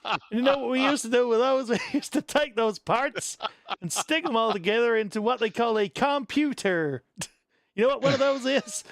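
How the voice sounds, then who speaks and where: A man's voice: very high voice, moderate pace, no echo, pitched above the performer's own voice. A man putting on a folksy Southern old-timer. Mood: mock-folksy. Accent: put-on stereotype Southern US.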